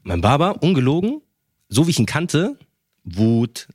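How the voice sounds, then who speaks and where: A young man co-hosting a podcast, telling a personal story in casual chat with slang and quick restarts. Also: fairly high pitch, big pitch swings, a little mellow, no room sound, clean studio sound. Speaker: podcast co-host.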